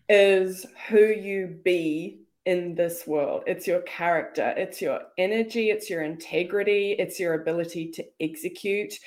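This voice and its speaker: A woman's voice: fairly low pitch, a little mellow. A woman hosting a casual podcast interview, affirming her guest with enthusiastic, slangy comments and reflective summaries. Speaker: podcast host.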